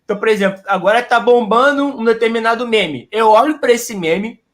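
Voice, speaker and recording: A man, a guest explaining how he makes history memes. His voice sits high for a man. He answers in an easygoing, slangy way. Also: a little fast. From Belford Roxo, Brazil. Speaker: guest, history meme creator. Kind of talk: casual interview answers.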